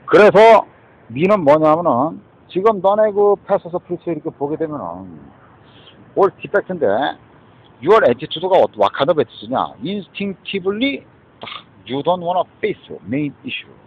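A ranting Korean man with a raised, husky voice that swings wildly up and down. He curses, jabs with "eh?" and mixes two languages. The dull, lo-fi recording flattens the sound. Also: on the high side, takes it slowly. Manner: cursing, mixing Korean and English, constant "eh?" tags. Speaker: street preacher-style ranter. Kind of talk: angry rambling rant.

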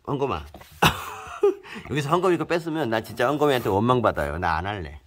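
A man's voice: medium pitch, animated, rapid-fire. A man narrating and refereeing his pet dogs in a casual home video, scolding and coaxing them as he goes. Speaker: pet vlogger. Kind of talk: casual narration to camera and pets. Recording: loud background noise.

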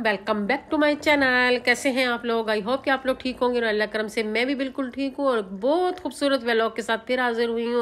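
A woman's voice: on the high side, fairly bright tone. A woman vlogger from Pakistan, narrating her outing in a chatty, homely voice-over. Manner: chatty, homely, leans on filler phrases.

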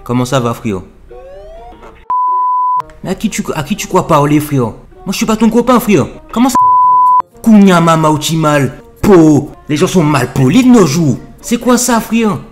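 A man's voice: on the high side, very animated, moderate pace, music in the background, voice pushed up. A young man voicing a cocky, touchy young Guadeloupean man with a thick Guadeloupean accent, speaking in an exaggerated, indignant way. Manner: exaggerated, indignant, keeps repeating "frérot". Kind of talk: prank role-play on video chat.

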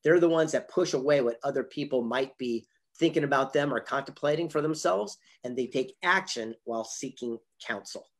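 This interview guest, a motivational speaker and author in his fifties, has a husky, mid-range voice and talks fairly quickly. He animatedly tells motivational stories online, acting out the dialogue, from an indoor home office lined with memorabilia, picked up by his computer's video-call mic.

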